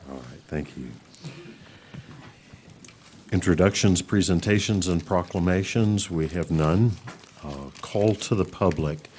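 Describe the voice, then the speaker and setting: Measured, weighty American male baritone. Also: a little mellow, slight background noise. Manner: measured, procedural. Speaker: mayor chairing a council meeting. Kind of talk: formal meeting procedure. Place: council meeting room. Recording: public meeting room with crowd murmur.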